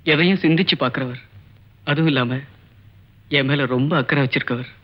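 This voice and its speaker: A man's voice: mid-range voice, fairly quick, lightly acted. An actor playing an earnest young college student who pleads his innocence and solemnly repeats his words. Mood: pleading. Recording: dull old film soundtrack with music.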